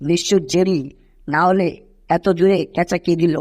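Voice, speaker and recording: A woman doing a low, sly cartoon tomcat. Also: steady tone, moderate pace, a little mellow, close to an everyday voice. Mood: scheming. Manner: sly muttering, groaning and scheming to himself. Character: scheming hungry male house cat. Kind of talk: Bengali fan cartoon dub.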